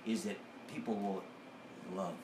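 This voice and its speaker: A man, a comedian guest, chatting in an interview and telling unhurried stories, sometimes acting out what others said. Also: lowish voice, fairly even intonation. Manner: unhurried storyteller who acts out quotes. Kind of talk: casual interview chat. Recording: echoey room with background noise.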